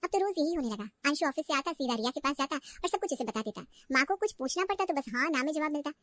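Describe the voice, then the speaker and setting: Quick bright woman narrating a kids' story. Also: high-pitched, expressive.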